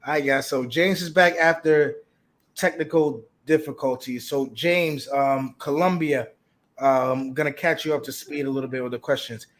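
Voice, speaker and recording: A man's voice: medium pitch, fairly even intonation, normal speed. A man hosting a casual live stream, chatting in a laid-back, slangy way and reading out viewer comments. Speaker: host.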